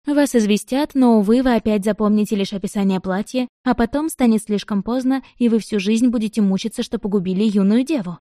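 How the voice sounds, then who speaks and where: A woman voicing a mischievous, sharp-tongued young noble bride who speaks in a lively, teasing, mock-dramatic way in an audiobook reading. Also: medium pitch, fairly quick, hardly any pauses, dry recording, studio quality, close to an everyday voice. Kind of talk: audiobook narration.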